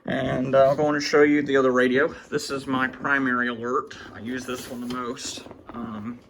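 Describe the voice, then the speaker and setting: A man with a creaky voice giving a casual, halting off-the-cuff show-and-tell as a hobbyist, half talking to himself. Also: medium pitch, flat delivery, a bit bright, low-quality recording. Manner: halting, muttering to himself while handling gear. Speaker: hobbyist collector presenting weather radios. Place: indoors, small cluttered room at home. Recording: faint background noise, clicks and handling sounds.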